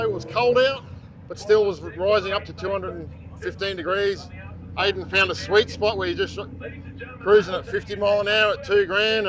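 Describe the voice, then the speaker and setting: A man's voice: high voice, poor audio. A man on a road-racing team chats casually outdoors by a car in a laid-back, rambling way, often trailing off. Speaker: race team member. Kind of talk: casual on-camera chat.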